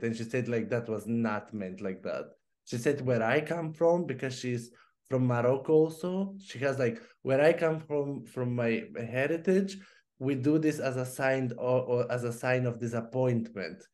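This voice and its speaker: Talking over a video call from his plant-decorated room at home, the co-host keeps things casual and animated. His medium-pitched voice comes out in quick bursts, with fillers and laughs along the way.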